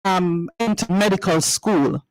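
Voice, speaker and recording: A man's voice: sits high, a little slow, low-quality recording. A male radio host interviewing a guest, stumbling and repeating words as he asks questions.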